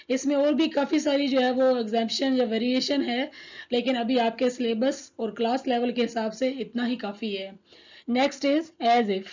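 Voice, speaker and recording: A woman teaching an English grammar lesson, reading each example sentence slowly and deliberately. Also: fairly high pitch, darkish tone. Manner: slow, deliberate, reads English examples word by word. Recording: dull lo-fi recording.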